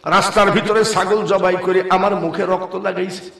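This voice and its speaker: A man preaching voices a wronged male tiger, pleading in a drawn-out, half-sung wail. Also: sits high, steady tone, vocal fry, a bit bright, echoey room.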